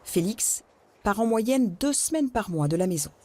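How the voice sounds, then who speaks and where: A woman narrating a documentary report in a scripted, even and measured way. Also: medium pitch. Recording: crowd and noise in the background.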